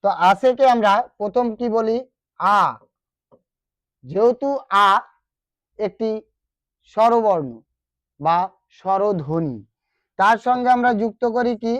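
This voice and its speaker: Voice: mid-range voice, takes it slowly, long pauses, dry recording. A teacher with a West Bengal accent explains a grammar lesson, repeating key terms and asking the students questions. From West Bengal, India.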